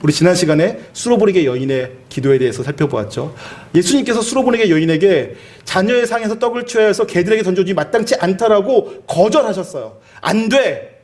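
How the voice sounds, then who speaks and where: A man's voice: sits high, fast talker. A male pastor preaching a sermon, telling the story vividly and asking the listeners questions. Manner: animated storytelling, dramatizing quoted speech; asks the listeners rhetorical questions.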